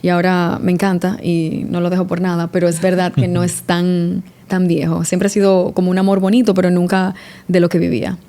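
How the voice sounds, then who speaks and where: A woman's voice: fairly low pitch, monotone, a little fast, dark tone. A woman from the Dominican Republic, a sommelier guest talking through her answers in a casual podcast interview, with many small restarts. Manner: reflective, restarts often, eh fillers.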